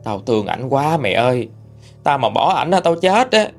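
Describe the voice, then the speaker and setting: Man putting on a submissive young woman, pleading, animated pitch. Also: moderate pace, vocal fry, faint music behind. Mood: tearful. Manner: pleading, clinging. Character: devoted, submissive young woman, clingy girlfriend.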